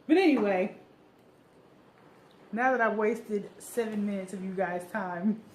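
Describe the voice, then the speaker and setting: A woman talking casually in a sewing vlog, chatty, excitable and prone to rambling. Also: medium pitch, moderate pace. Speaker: sewing vlogger. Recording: roomy echo, faint background noise.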